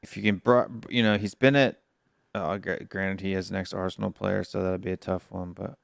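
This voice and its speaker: A laid-back American man chats about football in a low, gravelly voice that stays smooth and resonant. The recording is dry and close. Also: steady tone, a little fast, no echo. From United States. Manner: laid-back, trails off quietly. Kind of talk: casual football chat.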